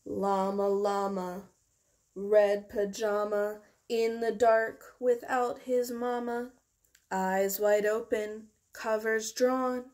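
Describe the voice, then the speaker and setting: A young woman with a mid-range, darkish voice and little pitch movement reads a picture book aloud to children as a storytime teacher. She reads expressively, slowly and deliberately, drawing out key words and explaining things in simple terms.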